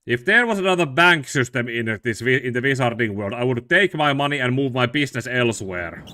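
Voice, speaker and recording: A man's voice: mid-range voice, expressive, a little fast, sharp tone. A man from Finland giving casual, wry gameplay commentary in muttered asides. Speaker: video game streamer. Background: game music.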